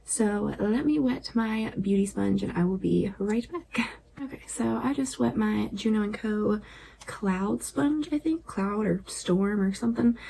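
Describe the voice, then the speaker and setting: A woman chatting casually through a makeup tutorial at home at night, relaxed and chatty, often dropping to a near-whisper. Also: on the high side, gravelly, slight background noise, low-quality recording. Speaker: beauty vlogger.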